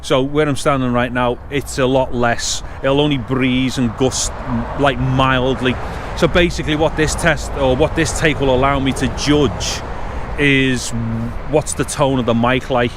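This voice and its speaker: A man's voice: medium pitch, steady tone, a little slow. Man rambling outdoors, wind buffeting the mic. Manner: rambling, thinking aloud. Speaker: vlogger testing microphones. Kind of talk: casual unscripted gear-test chat. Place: outdoors between blocks of flats. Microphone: action camera internal and external mics.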